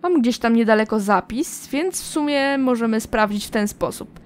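A woman's voice: fairly high pitch, moderate pace. A woman hosting a let's play, giving casual, musing commentary and often correcting herself. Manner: chatty, musing, self-correcting.

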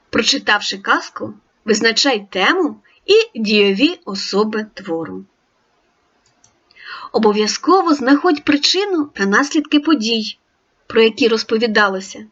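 Woman teacher recording a children's reading lesson; high, lively, encouraging, dull recording. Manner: clear, encouraging instructions to the child. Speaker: primary school teacher.

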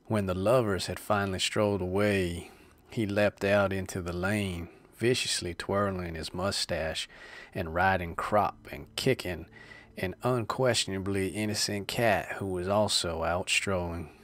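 A man's voice: low voice, steady tone, measured pace, fairly bright tone, no room sound. A man narrating an audiobook in a mock-melodramatic storytelling manner.

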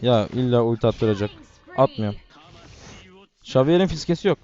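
A man giving casual, excitable commentary while playing a mobile game, talking to his teammates and to viewers. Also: medium pitch, normal speed, lo-fi sound. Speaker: gaming YouTuber.

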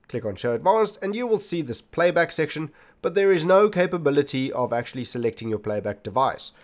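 A man with a medium-pitched voice narrates a step-by-step tech tutorial, speaking directly to viewers in an instructional way. The narration feels scripted, recorded on a desktop computer microphone indoors while he demonstrates at the computer.

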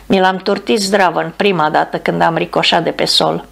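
A male lieutenant shrugs things off in a matter-of-fact way, voiced by a woman reader. The voice is low with a gravelly fry. It comes from an audiobook reading. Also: fairly even intonation. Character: man, a lieutenant with a bloody nose.

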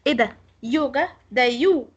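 A woman's voice: high voice, normal speed, breathy edge, muffled recording. An Egyptian woman teaching English pronunciation in an online lecture, explaining and correcting students. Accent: Egyptian Arabic.

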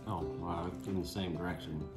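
A man with a very deep voice chats at the dinner table, tossing in dry, teasing one-liners. Music plays clearly behind him, along with the clink of cutlery and plates. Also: steady tone, moderate pace. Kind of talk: casual chat.

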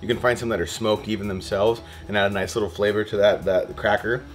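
A young man rattles through a casual cooking vlog at a quick clip, his voice a touch low, chatty and rambling with frequent restarts. He is recorded on a close camera mic in a kitchen, with faint music underneath. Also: level tone. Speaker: fishing vlogger. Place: houseboat kitchen.

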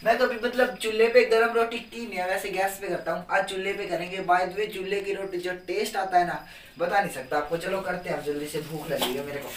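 Bright, coaxing young man vlogging. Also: sits high, steady tone, fairly quick, a little hiss or hum. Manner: pleading, coaxing, repeats apologies. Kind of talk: casual vlog chat.

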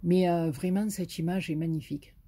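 A woman's voice: on the low side, steady tone, moderate pace, dark tone, slightly rough. A woman with a southern French accent, a YouTuber chatting to camera as she shows greeting cards she was sent, effusive and full of fillers. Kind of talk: casual chat to camera.

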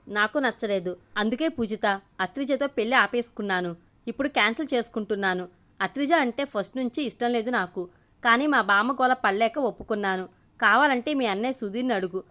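A woman voicing an eager young man in an audio story, pleading and rattling off his words without pause. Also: fairly high pitch, fairly bright tone, lightly acted. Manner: rattles off lines without pausing.

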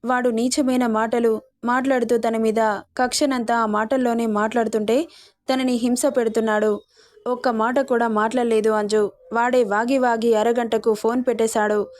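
A woman's voice: on the high side, level tone, normal speed, darkish tone, no room sound, clean studio sound. Woman narrating a serialized story.

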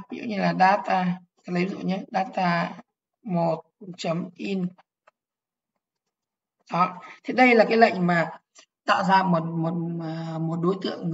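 A woman's voice: on the low side, fairly bright tone, lo-fi sound, slight background noise. A woman teaching programming in an online lecture, explaining step by step, repeating key phrases and asking if the class follows.

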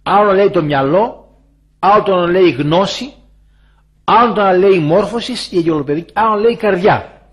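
An older man, a monastic elder, giving a spoken sermon full of rhetorical questions and emphatic repetition, with a husky voice. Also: sits high.

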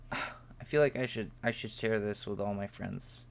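A man's voice: fairly even intonation, unhurried, gravelly. A young man streaming live, rambling and joking at himself as he talks to his viewers while he models in 3D. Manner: yawning, low-key late evening.

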